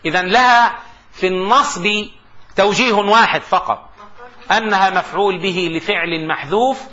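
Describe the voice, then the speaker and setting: A man teaching grammar in a lecture, with a high, bright voice. He poses questions to his students and drawls out his example phrases. The recording is dull and lo-fi. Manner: explains with rhetorical questions and slow recitation of examples. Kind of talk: classroom lecture.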